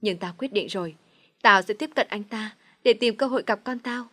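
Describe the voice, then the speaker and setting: A woman's voice: medium pitch, moderate pace, sharp tone, no room sound. A woman reading a storybook, voicing a young mother who pleads through her tears. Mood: resolute.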